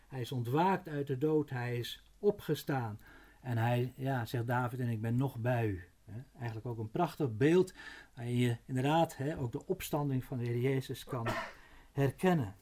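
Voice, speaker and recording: A middle-aged man preaching a Bible sermon, unhurried, slowing to stress words, with frequent small tag questions and restarts. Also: mid-range voice, darkish tone.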